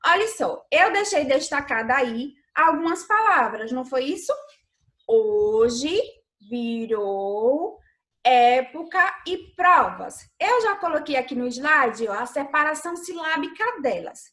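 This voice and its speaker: High-voiced Brazilian woman teaching. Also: animated, normal speed, hardly any pauses, sharp tone. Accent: Brazilian Portuguese. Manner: patient, stretches key words, asks pupils questions. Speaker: primary school teacher. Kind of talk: recorded remote lesson.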